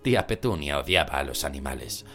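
A man reading a novel aloud as an audiobook narrator, with expressive storytelling. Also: rumbling low, a little fast. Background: background music.

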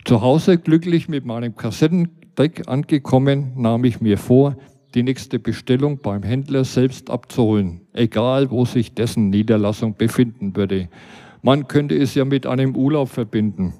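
A man's voice: mid-range voice, normal speed, dark tone. A man reading a humorous first-person story aloud in a dry, wry way.

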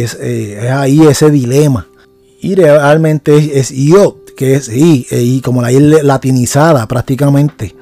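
Mellow, hesitant man teaching scripture. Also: medium pitch. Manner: hesitant, full of fillers and restarts; keeps asking for agreement. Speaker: podcast Bible teacher. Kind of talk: unscripted teaching talk.

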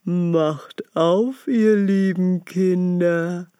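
A sly storybook wolf drags out every word in a slow, wheedling voice, as a woman voices him. At times he drops low and quiet to threaten. The sound is dry and close. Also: steady tone, smooth, no room sound, highs cut off. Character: sly big bad male wolf, disguising himself.

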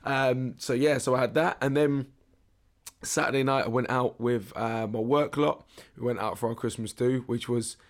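A young British man with a hoarse, worn-out voice, hosting a casual podcast in a jokey, slangy, rambling way. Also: mid-range voice, steady tone, normal speed. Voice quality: hoarse, strained voice. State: hoarse, losing his voice. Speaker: podcast host. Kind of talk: casual solo podcast chat.

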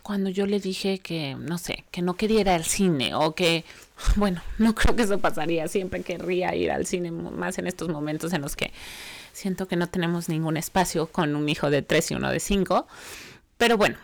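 A woman's voice: on the low side, normal speed, gravelly, dry recording. A woman in her thirties hosting a podcast, talking casually and reflectively to listeners about parenting, correcting herself as she goes. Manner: conversational, reflective, self-correcting, addresses listeners directly. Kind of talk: casual advice monologue.

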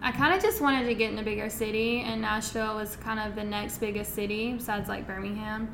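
Young woman, Alabama accent, casual chat, laid-back, self-deprecating, bright voice, echoey room with faint noise. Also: medium pitch, fairly even intonation, a little fast, vocal fry. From Florence, Alabama, United States. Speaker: interview guest, reality show cast member.

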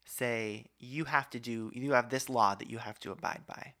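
A man's voice: mid-range voice, moderate pace, a bit bright. A man hosting a casual podcast conversation, talkative and argumentative, with many asides. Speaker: podcast host.

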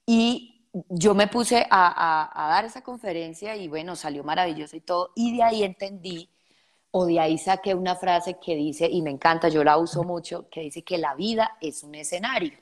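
Lively Colombian woman telling stories. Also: on the low side. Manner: animated storyteller who acts out others' voices. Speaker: guest actress. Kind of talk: storytelling interview.

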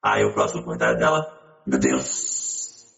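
A man, a podcast co-host, clowning through a voice changer that lowers his voice deeply. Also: big pitch swings, unhurried, vocal fry, roomy sound, in a large hall, highs cut off, exaggerated voice. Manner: clowning, exaggerated. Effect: voice changer, deep lowered pitch. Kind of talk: casual chat.

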